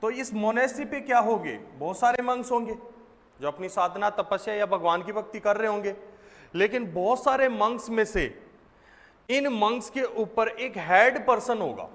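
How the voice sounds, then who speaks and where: A man's voice: sits high, lively intonation, moderate pace, fairly bright tone, in a large hall. A man teaching exam vocabulary, explaining step by step and answering his own questions.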